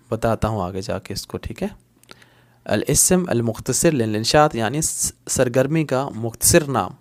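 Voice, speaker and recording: A man teaching Arabic phrases in an online lesson, explaining patiently and repeating each word several times, with English glosses mixed in. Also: mid-range voice. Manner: switches between Hindi-Urdu explanation and English glosses.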